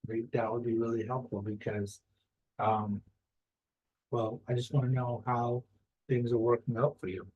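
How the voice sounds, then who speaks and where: Over lo-fi sound, a middle-aged tarot reader talks through a star sign's reading in a husky, level, mid-range voice. He's a bit slow and pauses often, and his casual talk is peppered with "right?" after phrases.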